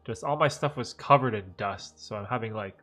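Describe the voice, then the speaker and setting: A man in his thirties, stuffed up and a bit nasal from dust allergies, answers viewer questions on a casual livestream Q&A. His voice is on the low side and fairly quick, relaxed and rambling, with constant "like" and "right?", and faint music plays behind him.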